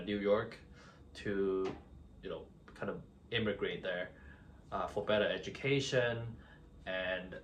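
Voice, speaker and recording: A man's voice: low-pitched, fairly bright tone, slight background noise. A man in his thirties from Hong Kong, introducing himself to camera in a casual, hesitant way with many fillers and restarts. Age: 30s. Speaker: vlogger.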